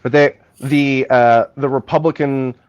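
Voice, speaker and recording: A podcast co-host works through a political topic in a casual conversation, thinking aloud in long explanations. His medium-pitched voice is smooth and unhurried, with fairly even intonation.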